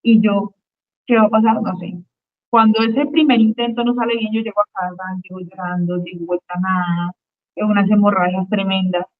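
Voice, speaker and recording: A woman's voice: mid-range voice, fairly even intonation, normal speed. A woman giving a personal faith testimony as a guest, speaking earnestly and emotionally and repeating phrases for weight. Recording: tinny phone-line sound.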